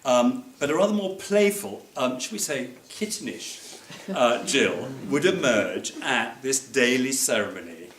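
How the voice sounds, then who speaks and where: Wry man telling lively anecdotes. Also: mid-range voice, measured pace, hardly any pauses. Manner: wry, laughing, digressive storytelling. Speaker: speaker at a memorial reception. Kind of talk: anecdotal memorial speech. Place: museum reception room. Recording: echoey room with background noise.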